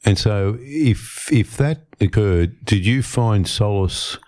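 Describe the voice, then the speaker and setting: A man's voice: on the low side, lively intonation, slow, darkish tone, no room sound. A man hosting a radio interview, asking probing questions and often rephrasing them. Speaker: radio host.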